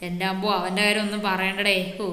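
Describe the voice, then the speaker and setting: A woman's voice: medium pitch, little pitch movement, fast, bright, forceful tone, close to an everyday voice. A woman voicing an easygoing adult man, showing off his city in a game role-play with a boastful, teasing big-brother tone. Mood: casual. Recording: echoey roomy reverb.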